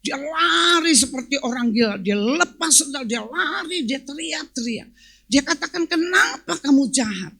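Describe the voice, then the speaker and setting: A woman pastor preaching a sermon at a church service. She tells a testimony and keeps calling the congregation "saudara," swinging between loud emphasis and hushed asides. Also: sits high, lively intonation, normal speed.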